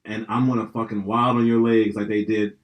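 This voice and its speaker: The audio is dull, and the speaker talks a little fast in a fairly low voice. He's a young Pennsylvania man hosting a podcast, swearing freely as he rambles through lively stories in casual conversation.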